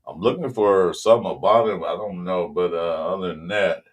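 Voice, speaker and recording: A man with a Southern California accent hosts a casual sports podcast in a low voice. He rambles loosely, filling gaps with ums, and breaks off to greet people in the chat. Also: fairly quick, husky. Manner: loose, rambling delivery with many ums, greets viewers mid-talk. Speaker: podcast host.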